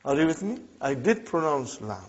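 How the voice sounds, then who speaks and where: A man's voice: on the high side, very animated, normal speed. A man who is not a native Arabic speaker, teaching an Arabic class and checking in often with his students. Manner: checks in often with "huh?" and "okay?". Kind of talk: classroom lesson. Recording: dull lo-fi classroom recording.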